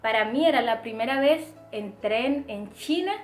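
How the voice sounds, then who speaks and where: A young woman with a slightly raised voice tells a chatty, expressive story with plenty of fillers. Her is clear, the room sounds echoey, and soft music plays underneath. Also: a little high, normal speed. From Dominican Republic. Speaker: vlogger. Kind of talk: casual storytime.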